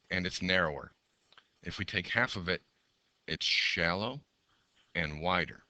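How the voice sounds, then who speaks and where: Low bright-voiced male math teacher. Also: dry recording. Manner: talks through each step while drawing, counts aloud. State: losing his voice. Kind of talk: recorded math lesson, sketching graphs.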